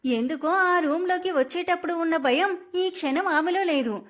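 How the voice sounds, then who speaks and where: Woman storyteller, very high voice, emotive scripted narration. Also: normal speed, a bit bright.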